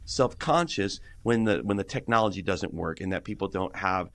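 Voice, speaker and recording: Earnest low-voiced middle-aged man. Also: expressive, moderate pace. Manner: rambling, earnest, many restarts. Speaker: guest worship pastor. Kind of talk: casual podcast conversation.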